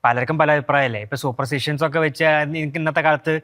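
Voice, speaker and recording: A man joins a casual football panel, his voice high and his pace quick. He states his views firmly and circles back over the same phrases to drive them home. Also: fairly even intonation, a bit bright. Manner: opinionated, argues his view with repeated phrases.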